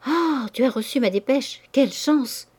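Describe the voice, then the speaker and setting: An anxious older woman pleads in a plaintive, imploring tone, voiced by a woman reading a novel aloud. Her voice sits a little high, delivered in steady storybook narration. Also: measured pace, slightly rough, full character voice. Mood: urgent.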